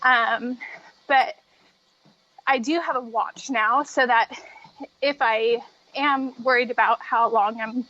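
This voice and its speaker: High-voiced woman, slightly muffled audio. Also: steady tone, slow, long pauses, bright, forceful tone. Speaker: podcast guest, treadmill runner. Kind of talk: casual interview conversation.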